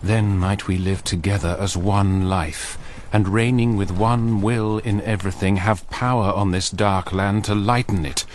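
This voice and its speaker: A man's voice: on the low side, fairly even intonation, measured pace, hardly any pauses, a little mellow, slight background noise, close to an everyday voice. An actor playing a brooding, lovelorn king, speaking a solemn, yearning verse soliloquy. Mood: resolute yearning.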